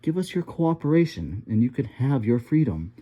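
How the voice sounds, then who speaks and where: A man voicing an elderly blind rebel leader from Wales who speaks in a calm, soft, lilting way. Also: mid-range voice, moderate pace, husky, dull audio, voice pushed up. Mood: calm persuasion.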